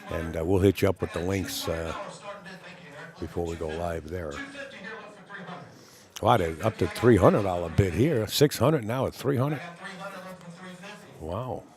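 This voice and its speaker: Low-pitched man, casual live commentary. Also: unhurried, pauses often, a crowd in the background. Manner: chatty, folksy, anecdotal. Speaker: tournament stream host.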